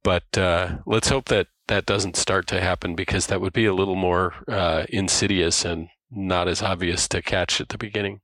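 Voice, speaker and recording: A man's voice: low voice, steady tone, moderate pace, few pauses, fairly bright tone, dry recording, low-quality recording. A man podcast panelist talking casually in a rambling, anecdotal way. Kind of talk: casual chat.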